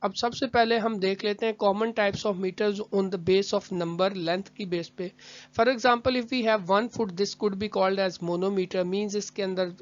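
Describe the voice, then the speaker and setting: A literature teacher giving a lecture, reading English lines slowly and explaining quickly in between, with careful, repetitive phrasing. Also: medium pitch, steady tone. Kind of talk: classroom-style lecture. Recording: dull lo-fi audio.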